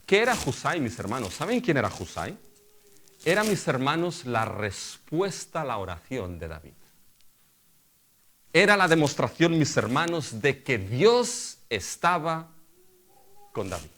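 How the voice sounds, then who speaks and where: A man's voice: mid-range voice, very animated, a little slow, pauses often, fairly bright tone, slight background noise. A middle-aged male pastor delivering a sermon. He keeps asking the congregation rhetorical questions and addressing them as brothers.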